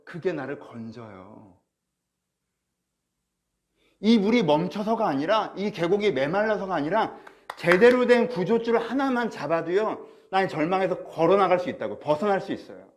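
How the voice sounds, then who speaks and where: A male pastor preaching a sermon through a face mask, slightly muffled, addressing listeners directly with questions and acting out inner thoughts. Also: high voice. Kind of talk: sermon to a congregation, preached online. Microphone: speaking through a face mask.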